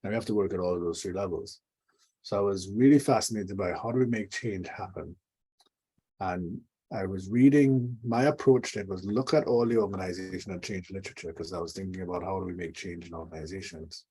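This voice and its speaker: Low husky-voiced man telling stories. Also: a little fast, mellow, poor audio. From Trinidad and Tobago. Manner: reflective storyteller, dry humor. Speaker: guest, leadership coach. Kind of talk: conversational interview.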